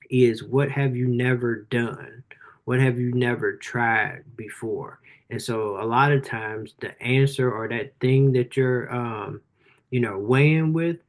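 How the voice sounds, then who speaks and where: A man in his forties talks to a live audience about his book at an even, middling pitch. His delivery is casual and earnest, encouraging listeners with lots of "you know" and "um". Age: 40s. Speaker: author and life coach hosting a live book review. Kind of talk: motivational talk on a livestream.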